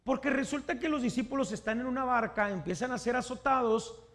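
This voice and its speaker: High-pitched gravelly preacher. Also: male voice, brisk, fairly bright tone. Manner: asks the congregation questions and acts out the people he quotes. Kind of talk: sermon.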